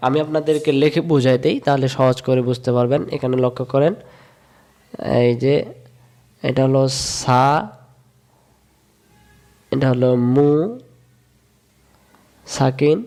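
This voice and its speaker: A man from Bangladesh, teaching a step-by-step recitation lesson, repeating rules in a sing-song chant and drawing sounds out slowly. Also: medium pitch, level tone, warm tone. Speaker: Quran reading teacher.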